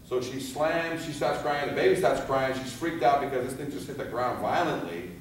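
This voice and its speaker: A man's voice: mid-range voice, normal speed. A man teaching a class of firefighters. He keeps asking the room questions, answers them himself, and acts out scenes in different voices. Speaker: fire safety instructor. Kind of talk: live training talk to firefighters. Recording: echoey, from far off, with some background noise.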